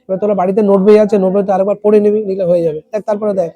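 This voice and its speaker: A tutor explaining an English text in Bengali, reading lines slowly and asking students word meanings. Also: female voice, medium pitch, fairly even intonation, dark tone, dry recording. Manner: asks students questions and repeats word meanings. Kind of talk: classroom lesson explaining a text.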